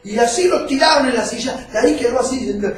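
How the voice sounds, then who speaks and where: A high-voiced man preaches, weaving personal testimony into his sermon with heartfelt storytelling. His voice sounds distant from the mic and bounces around a very echoey hall. Faint music plays underneath. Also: fast talker. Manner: emotional storytelling preacher, acting out quoted voices. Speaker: evangelist.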